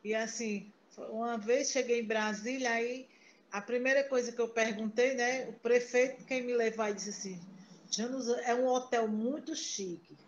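A woman's voice: a little high, fairly even intonation, normal speed, slight background noise. A woman from Paraíba, chatting in a video call meeting and telling stories with many restarts. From Paraíba, Brazil. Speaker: meeting participant. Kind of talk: casual chat on a video call. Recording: muffled video call audio.

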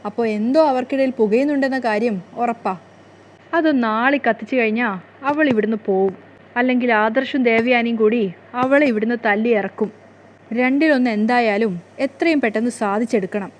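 A woman's voice: on the high side, fairly quick, slight background noise, lightly acted, low-quality recording. A woman voicing a plotting woman who schemes to drive her daughter-in-law out of the house, in a plain reading voice.

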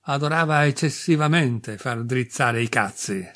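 A man narrating an audiobook in a measured first-person storytelling voice with a dry, bitter edge. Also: medium pitch, a bit bright. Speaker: audiobook reader.

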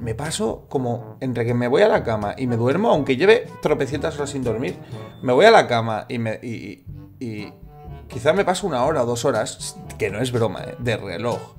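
A young man with a Spain Spanish accent, hosting his own video in casual, rambling chat that is restless and full of swearing. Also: medium pitch. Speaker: YouTuber host.

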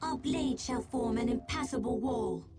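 A woman's voice: fairly high pitch, measured pace, over music, natural voice. A woman playing a fierce, menacing alien warrior in a video game, making ominous, fateful declarations. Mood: ominous, resolute. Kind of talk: scripted video game unit voice lines.

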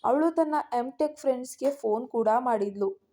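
A woman storyteller narrating a dramatic family story in an expressive way. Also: sits high, normal speed.

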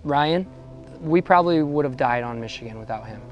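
A man's voice: mid-range voice, a little fast, lo-fi sound, soft background music. A man, a paddle boarder, talking casually in a documentary interview.

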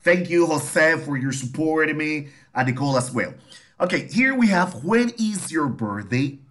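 A man's voice: on the high side, lively intonation, a little slow, fairly bright tone. A man teaching an English class over a video call, repeating each phrase and translating it. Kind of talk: online bilingual class.

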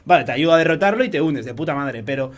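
Young man, excitable, slightly high voice, casual chat. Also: rapid-fire. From Spain. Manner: excitable, swearing, repetitive. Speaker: channel host.

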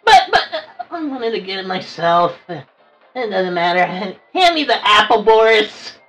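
A woman's voice: mid-range voice, big pitch swings, a little slow, a bit bright, distant mic, soft background music, poor audio. A woman voicing Bendy, a short, grumpy, whiny cartoon devil who hates work and complains petulantly. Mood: indignant. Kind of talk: improvised cartoon roleplay.

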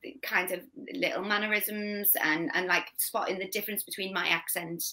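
In a low-quality recording, a young Scouse-accented woman from Liverpool speaks with a lowish, pushed, bright voice and fairly even intonation. She's an actress guest on a video call from a home room, chatting casually about her role with quick restarts and laughing asides.

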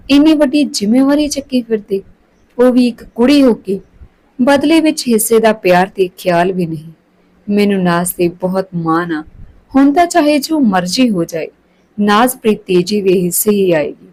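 A woman's voice: medium pitch, animated, moderate pace, a little mellow, lightly acted, low-quality recording. A woman doing a lovesick, worried young man. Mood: troubled.

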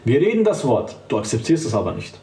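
This man's voice is medium in pitch, mellow, fast and highly animated. He preaches as an evangelist in a street-style address to camera, fervent and emphatic, talking straight to the listener. The sound is roomy, with his voice coming from a distance.

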